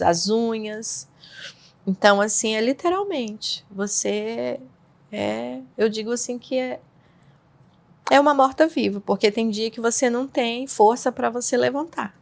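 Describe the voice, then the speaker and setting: A woman telling her personal story in an interview, speaking haltingly with frequent restarts and fillers. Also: a little high, vocal fry. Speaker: interview guest. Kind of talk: personal testimony in conversation.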